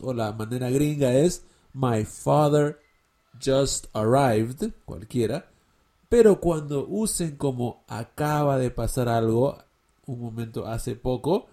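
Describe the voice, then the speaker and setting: A man, teaching English on a podcast and slowly repeating each phrase. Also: mid-range voice, warm tone. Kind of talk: podcast English lesson in Spanish.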